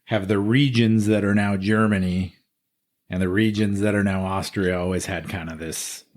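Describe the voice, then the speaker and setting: Low-pitched man from the States, co-host, relaxed and joking, rambling questions. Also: normal speed. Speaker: podcast co-host. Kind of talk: casual chat.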